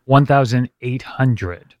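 A man's voice: mid-range voice, takes it slowly, a little mellow, no room sound. Man on a comedy podcast, casual puzzled straight-man banter, very dry room sound. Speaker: podcast co-host.

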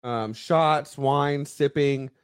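A man with a mid-range voice co-hosts a relaxed podcast. He explains things at length, pausing often and restarting his sentences. His voice is recorded close and dry. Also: mid-range voice, smooth, dry recording. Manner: rambling explainer with many ums and restarts. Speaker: podcast co-host. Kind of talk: casual chat.

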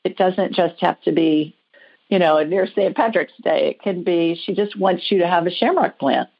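Her voice is lowish, creaky, and slightly rough, at a normal speed. She's an American-accented host doing conversational psychic readings for callers, chatty, informal, and reassuring, captured on dull lo-fi audio.

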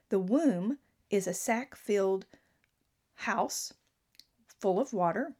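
Earnest woman with a mellow voice. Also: mid-range voice. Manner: earnest and conversational. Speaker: speaker. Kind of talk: inspirational talk.

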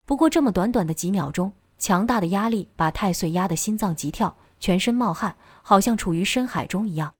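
A woman reading an action novel aloud in steady, dramatic audiobook narration. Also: mid-range voice, a little fast, few pauses, husky, no room sound, clean studio sound.

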